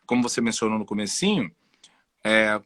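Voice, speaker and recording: A man with a Brazilian Portuguese accent, a guest and voice specialist, talking in a casual, animated way and telling personal stories. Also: fairly low pitch, normal speed, dry recording, clean studio sound. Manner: animated, personal storytelling with frequent "entendeu?". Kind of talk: casual conversational interview.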